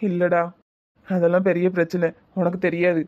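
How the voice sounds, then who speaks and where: A man's voice: high-pitched, completely flat delivery, moderate pace, lo-fi sound, lightly acted. A man voicing a troubled, jobless young man in a cartoon, with heavy, regretful talk in a Tirunelveli Tamil accent. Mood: weary. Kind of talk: cartoon voice acting.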